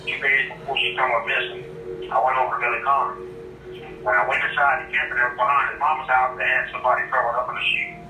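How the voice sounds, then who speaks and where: A man in jail, talking on a prison phone call in a halting way and often repeating himself. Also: medium pitch, level tone. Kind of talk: phone conversation. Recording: distant echoey phone line with music.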